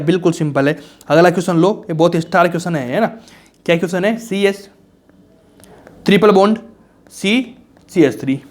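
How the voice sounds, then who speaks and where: A young man teaching chemistry for an entrance exam in a casual, colloquial lecture, asking himself questions and answering them, reassuring his students. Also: a little high. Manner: colloquial, reassuring, calls students bhaiya and raja.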